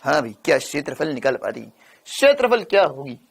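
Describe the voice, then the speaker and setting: Playful, energetic male physics teacher. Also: on the high side, a little fast, gravelly, slightly rough. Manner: energetic, playful, teases and answers his own questions. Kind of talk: online exam-prep lecture.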